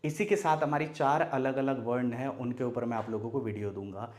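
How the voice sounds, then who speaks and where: Hindi teacher drilling words slowly. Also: male voice, medium pitch, fairly even intonation, darkish tone. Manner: drills words slowly, asks and answers his own questions. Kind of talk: classroom-style lesson.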